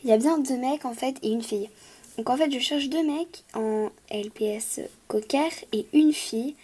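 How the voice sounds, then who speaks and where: A woman's voice: high voice, normal speed, mellow, husky. A woman talks casually to viewers as a toy collector, gushing, repeating words and hesitating often. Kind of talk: casual vlog talk to viewers.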